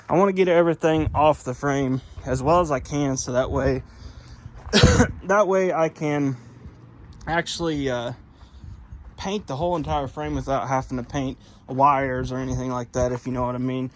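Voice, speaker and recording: Guy rambling to the camera while wrenching in his garage, lots of ums and uhs, bit of a higher voice. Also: a little hiss or hum. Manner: rambling, many fillers and self-corrections. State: out of breath. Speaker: vlogger restoring a truck. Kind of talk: casual talk to camera while working.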